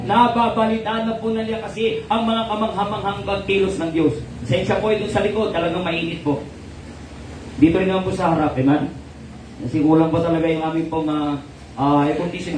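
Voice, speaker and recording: High-voiced Filipino pastor in an echoey hall. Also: male voice, distant mic, slight background noise. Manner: preaching, mixing Tagalog and English, calling "amen?" often. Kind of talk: sermon. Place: church hall.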